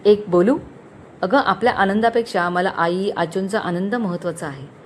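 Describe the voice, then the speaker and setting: A woman's voice: mid-range voice, normal speed, slight background noise, natural voice. A woman voicing a teasing young lover. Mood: tender. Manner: teasing, eager. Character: young romantic playful man, fiancé.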